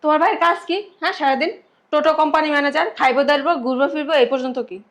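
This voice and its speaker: Woman acting a mouthy young wife, high voice, talks quick and sarcastic. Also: fairly bright tone. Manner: sarcastic, complaining. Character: sharp-tongued young wife of the elder brother. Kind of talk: family drama acting.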